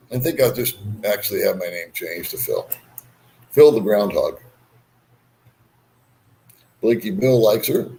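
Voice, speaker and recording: A man's voice: on the low side, darkish tone, poor audio. A man hosting a casual livestream, rambling easily as he reads and answers viewer comments with bantering remarks. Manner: rambling, chuckling, easygoing banter. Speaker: livestream host.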